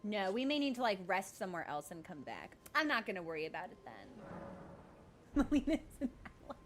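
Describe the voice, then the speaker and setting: A woman giving casual, jokey live commentary as she streams a game, speaking in an animated way and swearing freely. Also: medium pitch, quick pace, slight background noise.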